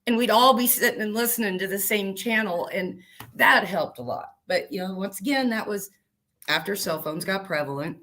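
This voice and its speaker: A woman's voice: medium pitch, moderate pace, fairly bright tone. A woman truck driver talking as an interview guest, plainspoken and emphatic in a folksy, casual way.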